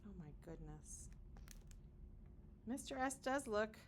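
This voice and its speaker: A woman reads a picture book aloud to small children the way a teacher would, expressive, with dramatic pauses and wondering asides. Her voice is mid-range, and there's a little hiss or hum on the recording.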